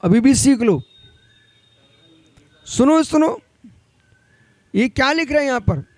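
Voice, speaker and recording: High-voiced man preaching a stern sermon. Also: lively intonation, takes it slowly, no echo. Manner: admonishing, addresses listeners directly. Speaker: Jain monk.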